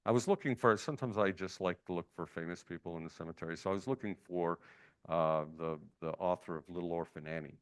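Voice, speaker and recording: A man's voice: deep voice, quick pace, clear, resonant tone. A middle-aged man giving an informal, rambling library talk full of anecdotes and "uh" fillers. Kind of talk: informal lecture.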